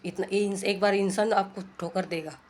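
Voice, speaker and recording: A woman's voice: mid-range voice, fairly even intonation, normal speed, a little mellow. A woman giving an informal, earnest sermon, exhorting her listeners and checking in with repeated rhetorical questions. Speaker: preacher.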